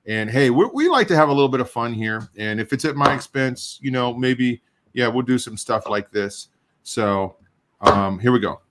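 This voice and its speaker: A man's voice: medium pitch, animated, a bit bright. Rambling middle-aged man with a runny nose. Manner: rambling, halting, self-deprecating. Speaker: show host. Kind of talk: casual chat while tasting hot sauce.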